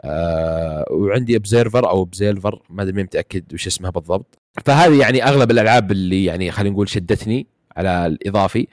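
A man's voice: low voice, very fast, no echo, clean studio sound. A man with a Saudi Gulf accent, chatting casually about games, rambling with many fillers and restarts. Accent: Gulf Arabic, Saudi. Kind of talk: casual gaming chat.

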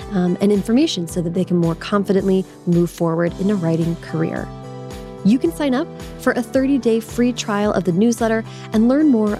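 A woman hosting a podcast interview over a video call, friendly and chatty, laughing easily. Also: medium pitch. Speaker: podcast host.

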